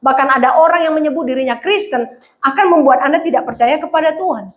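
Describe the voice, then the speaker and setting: A middle-aged woman pastor, preaching a lively conversational sermon and acting out voices. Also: high-pitched, fast talker. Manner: animated, acts out voices, laughs often.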